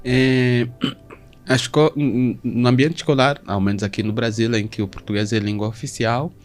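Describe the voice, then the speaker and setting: A man from southern Brazil hosting an interview, asking long questions in formal, halting phrasing with many restarts. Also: mid-range voice, fairly even intonation, soft background music. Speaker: host.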